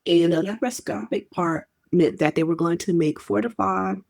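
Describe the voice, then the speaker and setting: A woman's voice: fairly low pitch, moderate pace, vocal fry, a little mellow. A woman vlogger telling a personal story straight to the listener.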